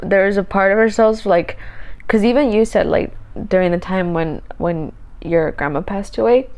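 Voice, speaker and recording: A woman's voice: medium pitch, moderate pace, a little mellow. Brief: female podcast co-host, medium voice, chatty teasing banter with emotional candor. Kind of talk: casual couple chat.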